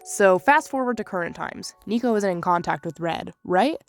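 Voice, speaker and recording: A woman's voice: medium pitch, expressive, normal speed, faint music behind. A woman hosting a commentary channel, narrating in a blunt, scornful way.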